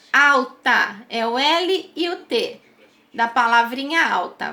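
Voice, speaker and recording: A woman's voice: high voice, bright, forceful tone. A woman teacher, patiently explaining homework exercises to children and using many diminutives.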